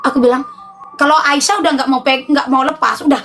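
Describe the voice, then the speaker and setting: A woman telling a personal story to her livestream viewers in a casual, animated, emotional way, often laughing. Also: high voice, brisk, soft background music. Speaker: livestream host.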